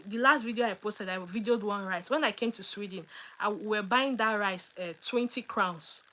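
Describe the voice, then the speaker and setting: A woman's voice: mid-range voice, moderate pace, pushed and bright, poor audio. A woman hosting a casual livestream Q&A, reading out viewers' questions and answering in a chatty, emphatic way with teasing asides. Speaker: livestream host.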